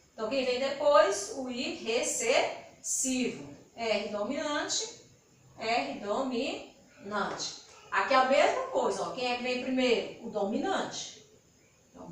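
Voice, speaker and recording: A woman teaches step by step in a high voice. She asks her own questions and answers them. The sound comes from well away from the mic, in a room with heavy echo. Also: fairly bright tone, slight background noise. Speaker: biology teacher. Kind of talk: recorded classroom lesson at a board. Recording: very echoey room, voice far from mic.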